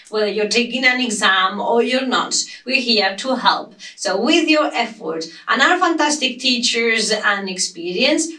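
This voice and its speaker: A woman teaching an online English grammar lesson, slowly repeating each example sentence for emphasis. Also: a little high, pushed and bright, recorded from a distance. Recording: roomy echo, voice off-mic.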